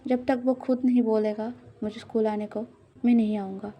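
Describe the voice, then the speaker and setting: A woman's voice: fairly high pitch, flat delivery, moderate pace, mellow, lightly acted. A woman voicing a brooding, secretive teenage student, answering in short, guarded replies in an audio love story.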